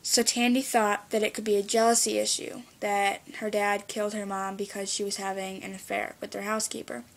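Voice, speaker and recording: A female student presenting a book report in a plain, steady recitation with casual fillers. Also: medium pitch, fairly quick, creaky.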